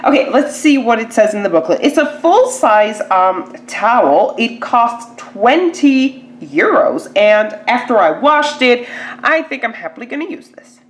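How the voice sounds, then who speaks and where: Her voice is fairly high and very animated, moving a little slowly, as she unboxes a beauty box for the camera. She has a stuffy nose from a cold and chats casually, sprinkling in plenty of "like" and "um."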